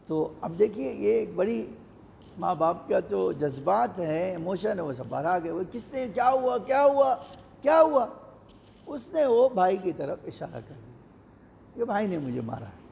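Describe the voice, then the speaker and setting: High-voiced man preaching in an echoey mosque. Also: expressive, gravelly, mellow. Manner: emotive, acts out the characters' pleas. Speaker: cleric giving a Ramadan lecture. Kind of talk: sermon storytelling. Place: large mosque hall. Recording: echoey hall, dull lo-fi sound, faint noise.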